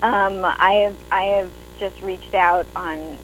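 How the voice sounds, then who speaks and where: A woman with a New York accent, a guest in an interview, talking warmly with lots of fillers. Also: on the low side, fairly even intonation, unhurried, a little hiss or hum, rough recording. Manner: chatty, many fillers, warm. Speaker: actress and writer guest. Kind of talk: interview conversation.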